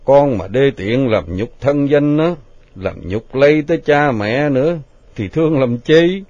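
A man's voice: medium pitch, expressive, a little slow, a little mellow, no echo, close to an everyday voice. A man voicing a stern middle-aged district chief father with firm moral views. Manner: stern, then incredulous. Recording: dull lo-fi recording.

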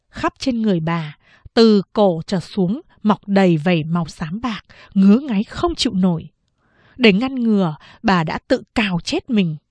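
A woman reading a novel aloud as an audiobook narrator, in a steady, even storytelling manner. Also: mid-range voice, dry recording.

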